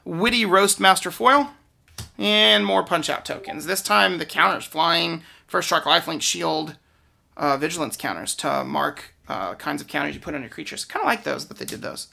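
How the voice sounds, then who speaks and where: A man's voice: on the high side, moderate pace, vocal fry, pushed and bright. A man giving casual, off-the-cuff unboxing commentary as he opens card packs, often hesitant and trailing off mid-thought. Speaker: card pack opener and commentator.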